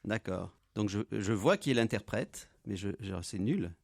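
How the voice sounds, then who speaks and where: A man's voice: lowish voice, animated, normal speed, creaky, darkish tone. A man on a radio game show panel, thinking aloud and hesitating as he restarts his questions. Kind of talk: casual panel chat.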